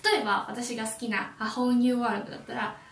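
A Japanese woman who teaches English, giving a friendly and lively YouTube lesson. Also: on the high side, fairly quick, echoey room, recorded from a distance, slight background noise.

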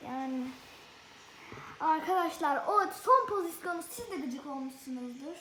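A high-pitched woman chats her way through a football video game, excitable and quick to squabble with the referee. A faint background hiss runs under her voice. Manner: excitable, exclaims and argues with the referee. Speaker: gameplay video host. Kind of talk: live football game commentary.

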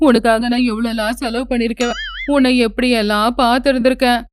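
A woman's voice: on the high side, level tone, fairly quick, slight background noise, natural voice. Woman voicing a bossy scolding mother-in-law. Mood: wailing. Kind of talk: cartoon voice acting.

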